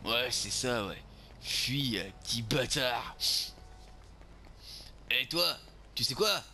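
Un homme qui joue un beauf ivre et vulgaire à l'marseillais, commentant sa partie de jeu vidéo, sur un fond de bruits de jeu bien audibles. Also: male voice, medium pitch, expressive, takes it slowly, sharp tone, slight background noise, full character voice. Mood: grumbling. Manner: crude, vulgar grumbling, talking to himself while playing. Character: boorish drunk beer-loving lout, man, crude and brash. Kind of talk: game role-play commentary.

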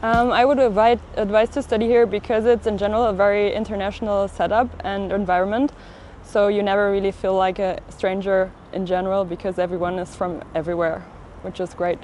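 A young woman from Germany, a student giving relaxed, friendly interview answers in an outdoor city square. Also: mid-range voice, brisk, faint music behind. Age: young adult.

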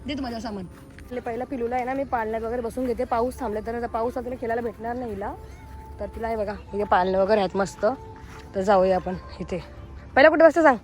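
A woman's voice: on the high side, fast, soft background music. A woman vlogging outdoors with a handheld camera in a park playground, chatting to viewers and coaxing a small child. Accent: Marathi. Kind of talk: casual vlog narration to viewers.

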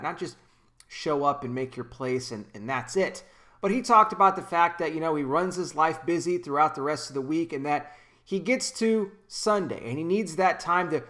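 A man in his thirties talks straight to camera in a slightly higher than usual voice, earnest and gesturing as he comments. He often restarts his sentences, speaking into a desk mic in a small room at home. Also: fairly bright tone. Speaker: commentary channel host. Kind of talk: casual commentary vlog. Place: small indoor room with kitchen behind. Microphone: desk microphone in front of him.

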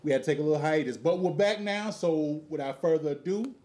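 A man's voice: fairly high pitch, darkish tone. A man co-hosting a food review, chatting casually and jokingly, drawing out and repeating his words. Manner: joking, drawn-out, repeats himself. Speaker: co-host of a food review show. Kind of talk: casual chat.

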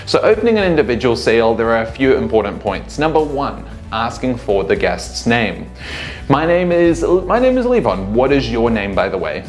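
A man's voice: medium pitch, sing-song, moderate pace, soft background music. A man in his thirties giving an upbeat sales training lesson to camera, acting out sample greetings, recorded on a lapel mic in a small living room. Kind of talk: instructional talk to camera.

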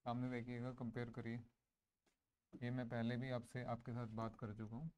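A man's voice: medium pitch, monotone, normal speed, a little mellow, smooth. A man teaching a maths class in a classroom, switching between Hindi and English and often checking that students follow. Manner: mixes Hindi and English, asks the class to confirm. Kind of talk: classroom lecture.

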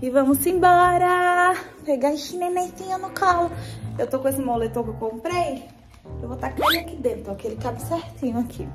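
Bubbly high-voiced woman vlogger. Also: moderate pace, music in the background. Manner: bubbly, coos and baby-talks at pets. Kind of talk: casual vlog chat.

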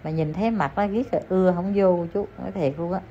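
A woman talks straight to her viewers in casual gossip commentary, repeating herself and scolding with emphasis. Her voice sits fairly low. The audio is a bit dull and lo-fi, with faint ambience behind her. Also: fast, dark tone, slight background noise. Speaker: online commentator addressing viewers.

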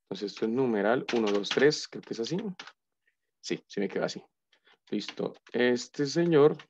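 A Colombian man with a medium-pitched voice teaches a casual live coding lesson as a university lecturer, speaking at a moderate pace with slight background noise. He's chatty, thinking aloud and humming nonsense as he types. The recording sounds dull, lo-fi and dry.

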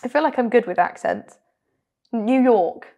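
A young woman in relaxed podcast banter, chatty and giggly, often restarting her sentences. Her fairly high voice carries a gravelly fry. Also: measured pace. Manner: chatty, giggly, self-interrupting. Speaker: podcast co-host. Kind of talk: casual chat.

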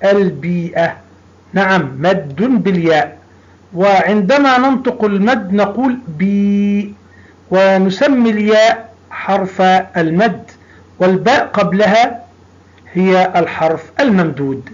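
A man's voice: high-pitched, unhurried. A man teaching a primary school language lesson, patiently drawing out sounds and repeating words for young pupils. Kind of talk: recorded classroom lesson. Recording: dull lo-fi recording.

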